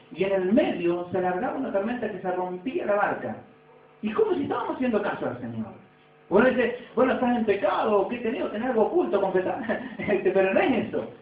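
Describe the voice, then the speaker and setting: A man's voice: high voice, slight background noise. Argentine male pastor, sermon, roomy church echo, thin phone-like sound. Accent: Argentine Spanish. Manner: conversational preaching with rising and falling emphasis. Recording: echoey distant phone-like church recording.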